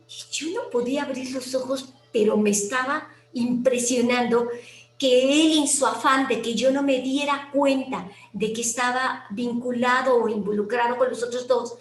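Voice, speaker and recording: A woman with a Mexican accent, a guest telling a personal story in a lively way, acting out quoted voices and sometimes dropping to a near whisper. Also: sits high. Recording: roomy with faint background noise.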